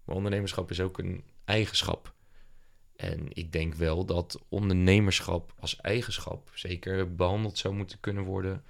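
A man's voice: low voice, flat delivery, normal speed, gravelly. A young man, an entrepreneur, talking casually in an interview and often hesitating with fillers and restarts. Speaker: entrepreneur guest.

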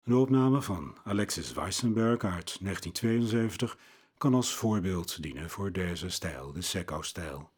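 A man presenting a scripted talk on classical music, in a measured, lecturing way. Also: low-pitched, expressive, darkish tone. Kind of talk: scripted narration.

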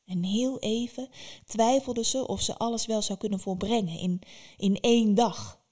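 A woman narrating a fairy tale in a lively, expressive storytelling manner. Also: fairly high pitch, normal speed.

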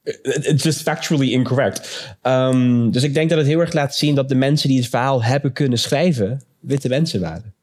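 A man's voice: medium pitch, normal speed, darkish tone. A man guest speaking earnestly in conversation, with hesitation fillers. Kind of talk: casual conversation.

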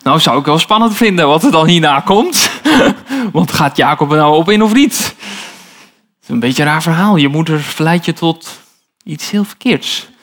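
A man's voice: on the high side, animated, normal speed, fairly bright tone. A man giving a sermon, reading a Bible story aloud and breaking off for chatty comments in a storytelling manner. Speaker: preacher. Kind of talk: sermon, reading scripture aloud with casual asides.

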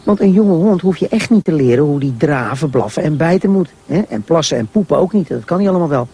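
A man voicing a calm, patient middle-aged father who explains things to his son. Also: a little high, fast talker, breathy edge. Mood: explaining.

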